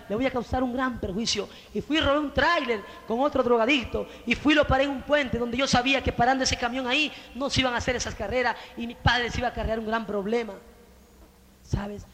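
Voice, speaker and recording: A man pours out a religious testimony in the manner of a preacher, fervent and direct, calling his listener brother. His voice sits very high and sounds bright and forceful. A long hall reverb trails behind every line.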